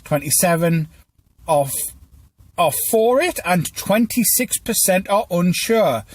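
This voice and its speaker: A man with a notably high voice presents news commentary in a dry, close recording. He reads from a script like an inexperienced teleprompter reader, slightly stilted and stumbling now and then. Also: expressive, takes it slowly, no echo. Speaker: podcast host.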